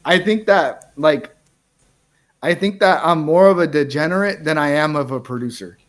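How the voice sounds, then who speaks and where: A man's voice: on the high side, normal speed. A man from the United States, hosting a casual interview chat, talking in a laid-back, slangy way full of "bro" and "like". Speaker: podcast host and music producer.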